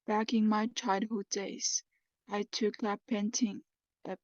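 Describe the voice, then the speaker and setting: A woman learning English who answers practice questions hesitantly, with many fillers and pauses. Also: mid-range voice, flat delivery, darkish tone, no room sound, muffled recording. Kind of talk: speaking test practice answers.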